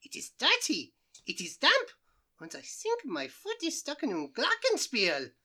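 A woman's voice: high-pitched, wildly swooping pitch, measured pace, pushed and bright, heavily acted. A woman playing a ranting German mad scientist. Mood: indignant. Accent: put-on German. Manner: blustering, manic cackling. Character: boastful eccentric male mad scientist. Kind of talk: comic old-time radio play acting.

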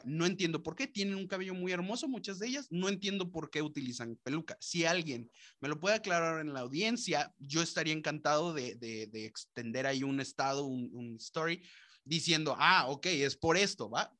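A man's voice: fairly high pitch, pushed and bright. A man with a Mexican accent co-hosting a casual podcast, joking in slang and mimicking people. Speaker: podcast co-host.

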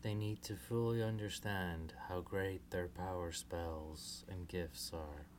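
Storybook fairy queen and mother, regal yet tender, low and breathy near-whisper, voiced by a woman. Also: fairly even intonation, slow pace, slight background noise. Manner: soft, comforting, near-whispered.

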